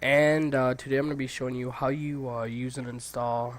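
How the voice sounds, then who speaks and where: A man with a stuffy, congested nose hosting a casual software tutorial, talking informally and thinking aloud as he goes. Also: mid-range voice, flat delivery, fairly quick, a little hiss or hum. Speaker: tutorial host.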